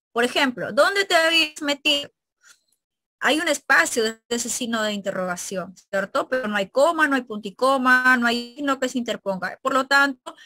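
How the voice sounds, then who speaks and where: A woman's voice: a little high, sharp tone, dry recording. A woman teacher with a Peruvian Spanish accent explains spelling rules step by step, often checking in with tag questions. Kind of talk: spelling lesson with examples.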